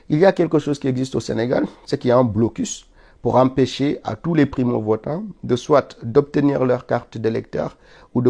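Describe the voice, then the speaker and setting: Creaky and warm at a medium pitch, the voice belongs to a Senegalese man with a stuffy cold. He streams live political commentary, an insistent monologue that keeps rising to indignant peaks.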